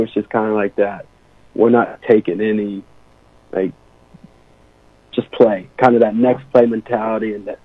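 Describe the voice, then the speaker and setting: A man's voice: medium pitch, slightly rough, no room sound. A young man, an assistant basketball coach, telling stories casually in an interview, with many fillers. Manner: animated storyteller, many fillers. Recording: tinny phone-line sound.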